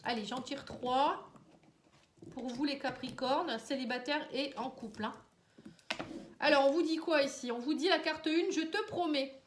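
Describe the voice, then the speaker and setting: A woman's voice: high voice, measured pace, pauses often, a little hiss or hum. A woman with a stuffy head cold, sounding tired, giving a casual tarot reading straight to the viewer and tagging her lines with little checks like "you see". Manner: talks straight to the viewer, tags lines with "hein" and "vous voyez". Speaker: tarot and oracle card reader. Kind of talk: casual horoscope card reading to camera. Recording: roomy, resonant sound.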